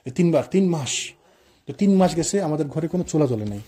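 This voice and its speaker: A man delivers a sermon in a mosque, moving between quoted prayers and casual asides to his listeners. His voice sits a little high, yet it sounds very dark and husky. He talks at a fast clip. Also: expressive. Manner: conversational, mixes quoted prayers with colloquial asides. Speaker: preacher. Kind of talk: sermon on the life of the Prophet.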